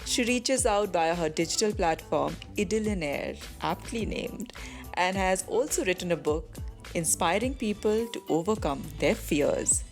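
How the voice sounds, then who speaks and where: A woman's voice: lowish voice, animated, measured pace, faint music behind. A woman hosting a talk show interview, eager and gushing, murmuring agreement as her guest speaks.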